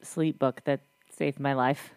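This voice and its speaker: A woman's voice: rumbling low, fairly even intonation, measured pace, a little mellow, no echo. A young woman co-hosting a casual parenting chat, easygoing and affirming.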